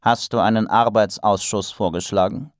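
A man doing a deadpan dutiful secretary. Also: lowish voice, moderate pace, no echo, clean studio sound, pitched above the performer's own voice, close to an everyday voice. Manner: grave, respectful, deadpan. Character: serious, dutiful male secretary.

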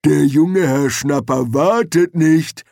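Male narrator as a lumbering troll heavy, slow and loud, storybook reading. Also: fairly high pitch, vocal fry, no room sound, studio quality, pitched above the performer's own voice. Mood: insistent. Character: huge slow-witted male troll henchman.

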